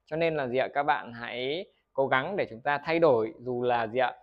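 A man's voice: mid-range voice, normal speed, highs cut off. A Vietnamese man teaching English pronunciation in a video lesson. He keeps asking the viewers questions, answers them himself and models words for them to repeat.

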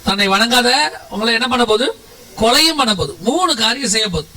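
A man's voice: very high voice, pushed and bright, distant mic, low-quality recording. A man preaching a sermon, asking his listeners questions and answering them himself, with touches of humor.

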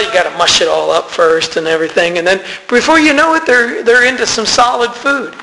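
High-voiced man preaching in a church. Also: pushed and bright, big-room sound, poor audio. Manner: conversational preaching with call-outs to the congregation. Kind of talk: sermon. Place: church sanctuary.

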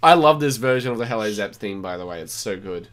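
A man's voice: fairly low pitch, lively intonation, quick pace. A young adult man giving casual film reaction commentary into a desk microphone. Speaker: host of a film reaction show. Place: small bedroom studio. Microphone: desk microphone, wearing headset. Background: film soundtrack music.

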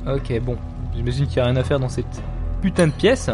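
A man streaming a horror game live, talking casually, excitable and jumpy, swearing and laughing often. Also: medium pitch, brisk, music in the background. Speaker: streamer playing horror games.

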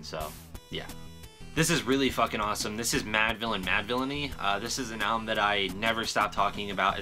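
A young man with a lowish, pushed, bright voice talks casually to the camera, showing off his music collection in show-and-tell fashion. He's a vlogger, informal and prone to swearing, recording indoors in a small room at home.

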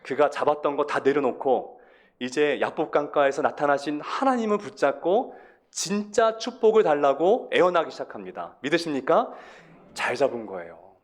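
A man's voice: fairly high pitch, expressive, normal speed. A male pastor preaching a sermon, stressing words emphatically and asking the congregation rhetorical questions.

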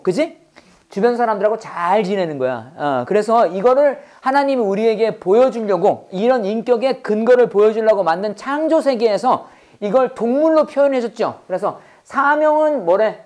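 Animated woman teaching, call-and-response. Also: a little high. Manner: lively, call-and-response drilling with laughs. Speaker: English teacher. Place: classroom with students.

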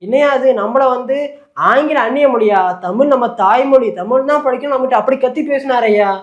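A host giving satirical commentary, telling the story in a fast, mocking way. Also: high-pitched. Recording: roomy, slightly dull recording.

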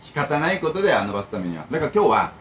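A man chats casually to camera, rambling from one complaint to the next and back to advice. His mid-pitched voice swings widely up and down as he talks, and a faint hum of background noise sits under it. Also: very fast. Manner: rambling, animated, jumps between complaints and advice. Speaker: bento shop owner and channel host.

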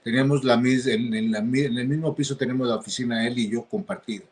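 A man answering interview questions in a hesitant, halting way, with many restarts. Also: medium pitch, steady tone, darkish tone. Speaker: interview guest.

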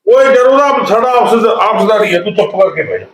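A man's voice: medium pitch, animated, moderate pace, reverberant, lightly acted, rough recording. A man playing a village headman in a short film, who keeps asking for agreement and argues back with his wife. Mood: defensive. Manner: keeps asking "okay?", defensive when scolded. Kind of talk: amateur short film acting.

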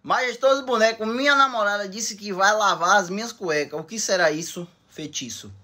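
A man's voice: high-pitched, normal speed, bright, forceful tone. A man hosting a couple's comedy Q&A, teasing his partner and giving mock-wise answers to viewer questions. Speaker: comedy couple channel host. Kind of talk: joking couple Q&A.

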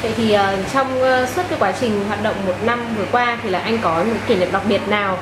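Fast-talking polite woman interviewer. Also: mid-range voice. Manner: polite, agreeable, with hesitation fillers. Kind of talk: casual interview questions. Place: inside a small cafe. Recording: echoey room, noisy.

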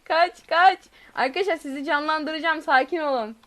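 A high, slightly bright voice at a moderate pace belongs to a woman playing a game live for viewers. She reads their chat messages aloud, keeps chatting with them, and shrieks during chases.

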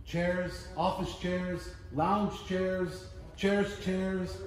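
A middle-aged man giving a casual walking tour of a large warehouse as an auctioneer, chatty and playful, listing items in quick repeats. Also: sits high, steady tone. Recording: roomy warehouse echo, faint background noise.

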